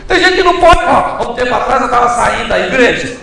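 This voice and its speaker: A man preaching a comic sermon in a church, telling stories in an animated way with loud, emphatic bursts. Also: extremely high pitch, quick pace, vocal fry, a crowd in the background. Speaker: pastor. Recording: echoey church hall, mic far off.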